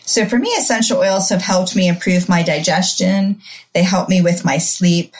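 A woman with a Midwestern accent talks in a gentle, earnest way. Her voice sits a little low, and she lays out each idea with calm, steady explanation in a casual chat. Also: normal speed. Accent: Midwestern American.

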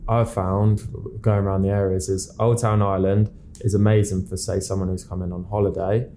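Low, flat-voiced man, mellow tone. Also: normal speed, slight background noise. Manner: confident, explains at length. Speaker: real estate agent. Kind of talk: casual podcast chat.

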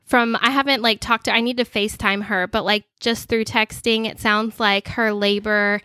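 A woman's voice: on the high side, steady tone, normal speed, pushed and bright, smooth, no room sound, clean studio sound. A woman in her thirties co-hosting a podcast, telling family stories in casual chat and acting out the quotes. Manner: chatty storyteller, acts out quotes. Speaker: podcast co-host.

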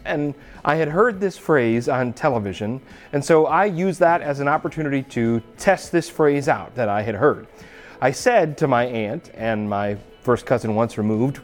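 A man preaching a sermon as a pastor, telling a personal story in an animated, conversational way. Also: medium pitch.

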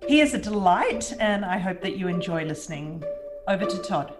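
A woman's voice: lowish voice, expressive, normal speed. A woman hosting an interview with enthusiastic, upbeat introductions. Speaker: podcast host. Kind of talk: hosted interview. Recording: music bed under the voice.

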